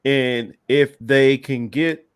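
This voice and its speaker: In a dry, clean studio recording, a man co-hosts a casual political podcast with a medium-pitched voice that is steady, slow, and smooth. Despite that, his talk is heated and emphatic, rambling with many fillers and restarts.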